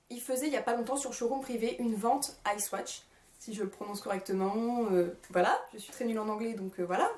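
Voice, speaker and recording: A woman's voice: on the high side, a little hiss or hum. A woman talks through a shopping haul in casual vlog style, gushing with lots of fillers, recorded on a camcorder mic. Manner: gushing, with frequent fillers and repeated praise. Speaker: vlogger. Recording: roomy echoey room.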